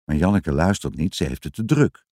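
Low-voiced man reading a children's story. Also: brisk, no echo, studio quality. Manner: expressive, sing-song storytelling. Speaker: narrator. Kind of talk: children's story read aloud.

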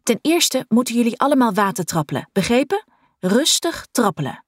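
A woman voicing a young swimming teacher calling firm, reassuring instructions across a dark pool. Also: on the high side, big pitch swings, moderate pace, no echo, studio quality, pitched above the performer's own voice. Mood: urgent, commanding. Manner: raised, firm, reassuring commands.

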